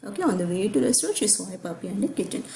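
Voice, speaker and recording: A woman's voice: mid-range voice, big pitch swings, rapid-fire, vocal fry, dark tone, a little hiss or hum, rough recording. A woman teaching a grammar lesson, explaining step by step and asking the class questions as she goes. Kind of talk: grammar lecture.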